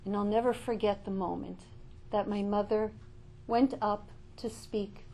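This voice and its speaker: A middle-aged woman giving an inspirational Torah talk, passionate, rising to loud calls and falling to hushed, slow reflection. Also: medium pitch, fairly even intonation, rough recording. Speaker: religious speaker.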